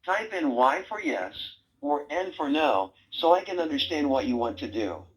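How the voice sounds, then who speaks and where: A man's voice: medium pitch, wildly swooping pitch, normal speed, poor audio. Talking brain toy, male, sarcastic, bossy, teasing, swoops up and down a lot. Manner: sarcastic, teasing, bossy quiz-style prompts. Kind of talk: toy voice lines.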